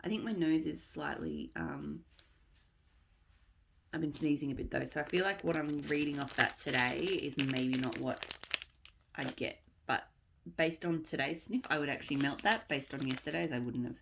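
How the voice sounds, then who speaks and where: This woman's voice is deep and creaky, delivered at a moderate pace with an animated energy. She's a vlogger reviewing wax melts in a relaxed haul chat, wandering off track now and then as she thinks out loud. Some light background noise can be heard.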